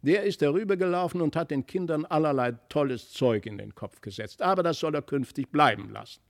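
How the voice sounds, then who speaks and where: A man voicing a brisk, dismissive noblewoman mother in a storybook reading. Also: a little high, no echo, studio quality, lightly acted.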